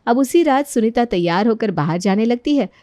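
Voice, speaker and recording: Bright-voiced woman narrating a cartoon. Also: fairly high pitch, animated, normal speed, no echo, clean studio sound. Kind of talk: scripted narration for a children's cartoon.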